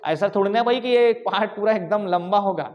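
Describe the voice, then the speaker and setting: A man's voice: high-pitched, fairly quick, muffled recording. A male coaching teacher, teaching a live online class in an informal way, asking questions and then answering them himself. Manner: repetitive call-and-response questioning; informal, calls students bhaiya and bhai. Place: coaching class, recorded over slides.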